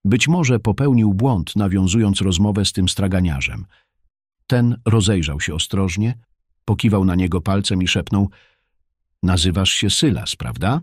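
A man narrating an audiobook in a calm, measured storytelling manner. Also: sits low, dry recording, clean studio sound. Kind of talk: scripted narration.

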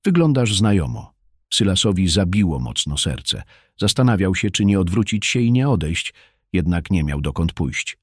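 A man narrating an audiobook in a calm, measured storytelling manner. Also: low-pitched, no echo, clean studio sound. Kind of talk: scripted narration.

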